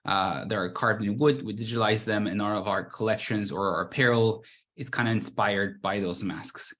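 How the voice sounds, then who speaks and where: Low-voiced man, casual presenter. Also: normal speed, a bit bright. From Guatemala. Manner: casual, with many restarts and filler words. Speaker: brand founder presenting. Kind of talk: conference presentation. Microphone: video call.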